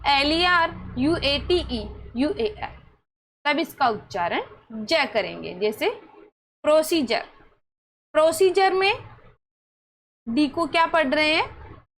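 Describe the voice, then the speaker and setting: High-voiced Hindi-accented woman teaching slowly. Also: very animated, fairly bright tone, low-quality recording. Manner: repeats questions and answers them herself, encouraging. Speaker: English teacher. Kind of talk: classroom-style pronunciation lesson.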